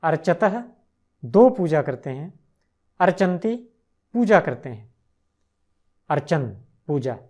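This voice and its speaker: A language teacher speaks at a slow, measured pace, reciting each verb form one by one and then repeating the set as a drill. The voice sits in a middle register, and the asides are short, patient and reassuring. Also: mid-range voice, very animated, a little mellow. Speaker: Sanskrit teacher.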